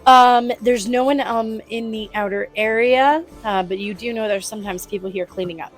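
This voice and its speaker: A woman narrating a tabletop game as game master, relaxed and easygoing. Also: fairly high pitch, moderate pace, soft background music.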